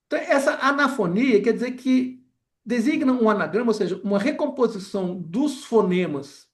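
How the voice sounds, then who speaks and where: A man with a Brazilian accent giving an academic lecture, pausing often and filling gaps with short filler words and tag questions. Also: sits high, lively intonation.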